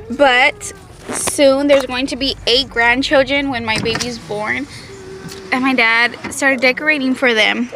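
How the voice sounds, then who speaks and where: A young woman speaks in a high-pitched voice with a bright, forward edge. She talks informally to the camera as a family vlogger and mother. The sound is that of a phone held at arm's length. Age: young adult. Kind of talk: casual chat to camera. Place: home living room, later inside a car at night.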